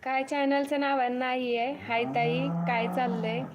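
A young woman with a high voice hosts a casual live stream from her farm home, near a cattle shed, with a crowd audible behind her. Speaking a little slowly and in a fairly even tone, she greets viewers one by one, reads their comments aloud, and thanks each by name again and again.

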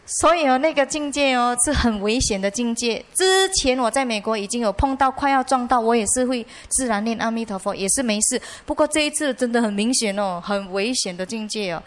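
A Buddhist nun with a Malaysian Mandarin accent gives a dharma lecture in a fairly high voice. She tells stories with lively energy and peppers her sentences with chatty particles. Her delivery is warm and conversational, more storytelling than formal reading. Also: a little fast, few pauses. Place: monastery lecture hall.

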